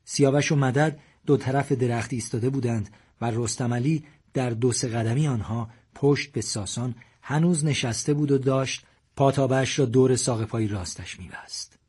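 A man narrating a story audiobook in a steady storytelling voice. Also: medium pitch, slightly rough.

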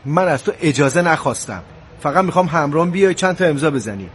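An actor playing a proud husband worn down by debt, talking in a weary, exasperated way in a drama scene. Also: male voice, fairly high pitch, lively intonation, natural voice. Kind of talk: TV drama dialogue.

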